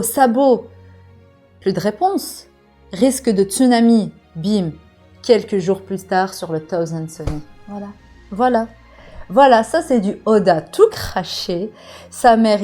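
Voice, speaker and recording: A woman reading through a comic and reacting out loud, excitable and swearing often, with many fillers. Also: fairly high pitch. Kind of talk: casual live reaction reading.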